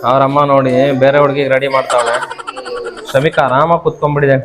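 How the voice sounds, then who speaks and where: A woman, a parent narrating a vlog at her child's school and coaxing crying children in a high sing-song voice. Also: fairly even intonation, fast talker, background noise. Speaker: parent vlogger. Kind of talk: handheld vlog commentary. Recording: music playing loudly over the talk.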